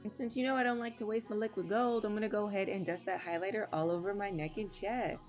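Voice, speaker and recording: A woman's voice: mid-range voice, quick pace, faint music behind. A woman with a nasal, allergy-stuffed voice, chatting her way step by step through a makeup tutorial voice-over. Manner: chatty, relaxed step-by-step narration. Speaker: makeup vlogger.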